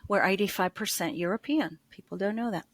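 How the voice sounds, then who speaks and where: A woman's voice: medium pitch, a little fast, no echo. A woman from Argentina, telling her story as a podcast guest in a chatty way, with frequent ums and restarts. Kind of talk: casual interview storytelling.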